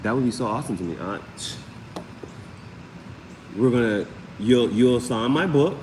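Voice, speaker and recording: A man with a medium-pitched voice, speaking a little slowly, hosts a casual live tarot reading off the cuff, often repeating phrases and dropping slang and sound words. The space sounds roomy with a long reverb, over a clear, steady background noise.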